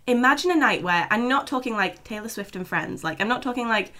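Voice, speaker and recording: A British woman in her twenties with a hoarse, froggy, lost voice, chatting casually and self-deprecatingly as a podcast co-host. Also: a little high, lively intonation, brisk, sharp tone. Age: 20s. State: hoarse, froggy, worn-out voice from losing it.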